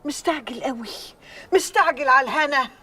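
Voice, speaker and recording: A woman's voice: high-pitched, a little fast, sharp tone, far from the mic. An actress playing a scolding older mother with an Egyptian accent, heaping insults on her son. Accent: Egyptian Arabic.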